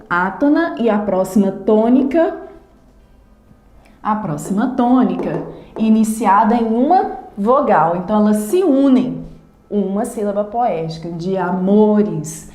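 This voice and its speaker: Lady teaching online, mellow voice, spells out syllables slow, echoey room. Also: medium pitch. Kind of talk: online lesson.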